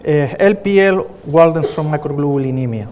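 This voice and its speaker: His voice is a little high and a little mellow, and he talks briskly. He's a middle-aged Chilean pathologist with a Chilean Spanish accent, presenting earnestly in a reverberant conference hall with frequent fillers and restarts, with a faint hiss or hum in the background.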